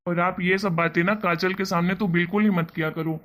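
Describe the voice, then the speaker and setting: A man voicing a kind, earnest young husband and son in an animated family story. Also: sits high, brisk. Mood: pleading. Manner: earnest, persuasive.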